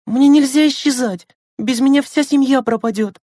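A man reading an audiobook, voicing a tearful, anxious young teenage girl in a high, strained voice. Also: moderate pace, dark tone, dry recording, studio quality. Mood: distressed.

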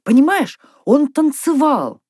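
A woman reading aloud, voicing an excitable, scatterbrained little girl who exclaims a lot. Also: sits high, a little slow, no echo, clean studio sound, voice pushed up. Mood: excited. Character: scatterbrained giggly little girl, easily sulky.

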